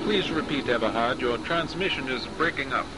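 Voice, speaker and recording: A man's voice: medium pitch, normal speed, natural voice. Brief: a man as a prissy pit boss, noisy radio line. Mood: fussy. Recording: noisy race radio and phone.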